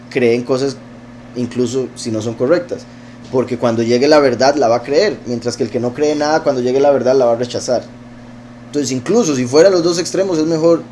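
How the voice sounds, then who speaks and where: A man of middling pitch gives a relaxed, conversational scripture lesson to a congregation. He reads aloud from a text and often stops to comment, hesitating and circling back as he goes. A faint hum runs underneath. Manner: reads a text aloud, then breaks off to explain it; informal and digressive, with frequent hesitations. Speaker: congregation teacher.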